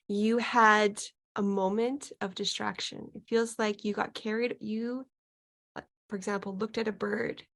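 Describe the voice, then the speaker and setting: A woman guiding a client through an unscripted healing session as a mystical healer, speaking in a halting, searching way with thoughtful pauses. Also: medium pitch. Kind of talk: unscripted guided healing session, musing aloud.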